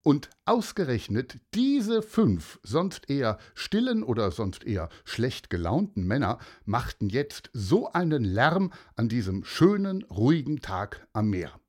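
A man narrating a children's story with playful, expressive emphasis. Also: mid-range voice, unhurried, hardly any pauses.

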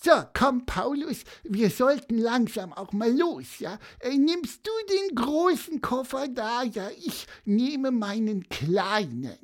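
A woman voicing a chatty, know-it-all little bird in a children's audio story, lively and talkative. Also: on the high side, slow, few pauses. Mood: eager. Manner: lively, talkative, fond of "ja, ja" and "mein Lieber".

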